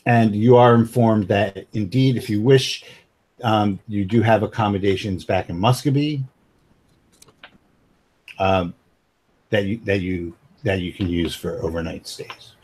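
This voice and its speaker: A man's voice: on the low side, a little slow, long pauses, a little mellow, slight background noise. A man narrating as game master of a tabletop game, hesitant and full of fillers.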